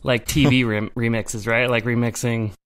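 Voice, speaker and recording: A man's voice: mid-range voice, flat delivery, normal speed, a bit bright. A man in his thirties, a guest artist telling his story in a casual interview, laid-back and rambling with frequent laughs. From Canada.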